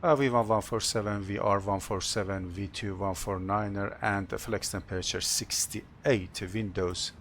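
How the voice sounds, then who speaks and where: A man who is a non-native English speaker, working as an airline captain, talking through cockpit procedures and announcements in short, halting, procedural phrases. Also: fairly low pitch, fairly even intonation, fairly bright tone, a little hiss or hum. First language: not English. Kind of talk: cockpit procedure narration, checklist callouts and announcements.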